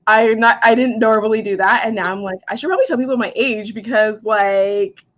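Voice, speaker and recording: Chatty woman in her forties. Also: medium pitch. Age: 40s. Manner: chatty, heavy use of "like", quick asides. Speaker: makeup artist and skincare specialist hosting a live stream. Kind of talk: casual live product chat. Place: her home.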